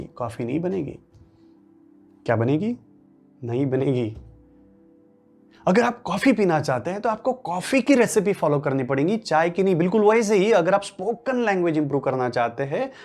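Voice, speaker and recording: A man's voice: a little high, darkish tone. A man from Maharashtra whose first language is Marathi, giving a motivational workshop lecture as a coach who keeps asking rhetorical questions and answering them himself. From Maharashtra, India. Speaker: English-speaking coach.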